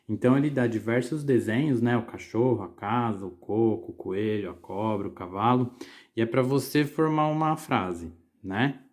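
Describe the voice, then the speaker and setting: Man teacher, Brazilian Portuguese accent, mid pitch, patient explaining. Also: a little mellow. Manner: patient, explaining, checking in with "certo?". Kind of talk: literacy lesson to children.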